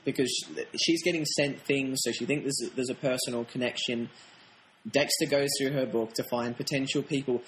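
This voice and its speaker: A man's voice: mid-range voice, steady tone, normal speed. A man co-hosting a podcast, chatting casually about a TV show in a wry, rambling way with frequent laughs. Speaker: podcast co-host. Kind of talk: casual review chat. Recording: roomy echo, faint noise.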